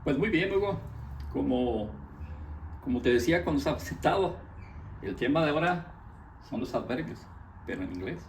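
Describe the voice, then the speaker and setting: Male teacher, gravelly voice, patient step-by-step drill delivery, faint background noise. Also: medium pitch, lively intonation, normal speed, pauses often, reverberant, poor audio. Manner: patiently drills verb forms one by one; explains step by step to a student. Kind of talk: language lesson.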